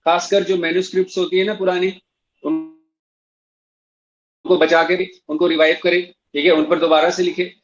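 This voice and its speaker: A man with a high voice teaches an English literature class in a classroom that is also streamed online. He switches between Hindi and English, spells out terms letter by letter and repeats each point for his students. The recording sounds dull and lo-fi. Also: flat delivery, a little slow, pauses often.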